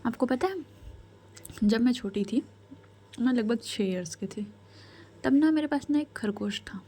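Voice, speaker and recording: A dignified old grandmother of a royal family, speaking in measured, firm, counselling tones, as a woman reads her in a story. Her voice is mellow and soft, close to the reader's own. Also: a little high, slightly rough. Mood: firm counsel. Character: calm, commanding royal grandmother, older woman.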